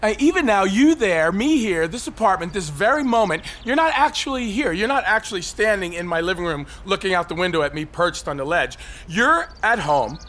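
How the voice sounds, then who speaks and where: In a naturalistic audio drama, a male actor plays a bitter, paranoid loner standing on a high ledge. His speech comes haltingly, carrying defiant, cynical and profane edges, and his tone is animated, bright and forceful.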